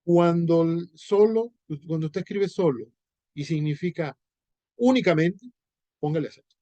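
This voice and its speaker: A man's voice: fairly high pitch, animated, unhurried, mellow, no echo. A male teacher with a Venezuelan Spanish accent, giving an informal class and acting out little dialogues to explain rules. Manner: explains with examples, acts out dialogues.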